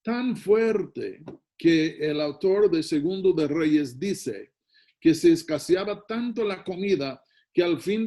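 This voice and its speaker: A male pastor with a Mexican Spanish accent preaches a sermon, narrating a scripture story and breaking off to comment to his listeners. His voice sits a little high, with a mellow, relaxed tone. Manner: storytelling Bible reading with asides.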